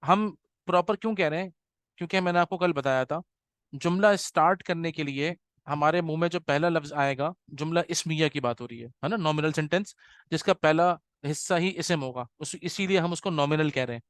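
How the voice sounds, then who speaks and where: A man teaching an Arabic grammar class, explaining patiently, checking in with his students often, and slowing down to sound out words. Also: on the high side, smooth, dry recording, studio quality.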